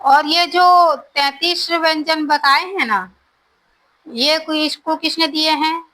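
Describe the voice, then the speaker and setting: Slow, bright-voiced woman teaching grammar. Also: high voice, steady tone, rough recording. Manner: explains slowly, repeats definitions, checks with "ठीक है". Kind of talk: exam-prep grammar lesson.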